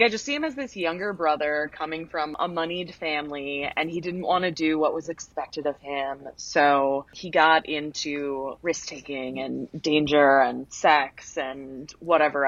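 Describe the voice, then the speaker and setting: A woman's voice: sits low, normal speed, few pauses, fairly bright tone, no room sound, lo-fi sound. A woman co-hosting a casual podcast, teasing the others in a dry way. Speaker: podcast co-host. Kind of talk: casual chat.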